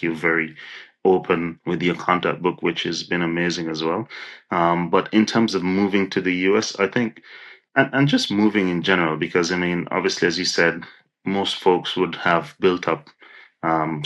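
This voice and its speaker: An entrepreneur from Nevis, Saint Kitts and Nevis, gives encouraging, conversational answers as an interview guest, often repeating words while he thinks aloud. His voice sits low with a fairly bright tone.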